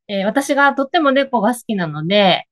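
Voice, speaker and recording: A woman's voice: a little high, lively intonation, fairly quick, fairly bright tone. A woman from Osaka with an Osaka accent, explaining things casually in a hesitant way with small self-corrections. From Higashiosaka, Osaka, Japan. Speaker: guest, coffee bean shop owner. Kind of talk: casual interview conversation. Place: at home, on a video call.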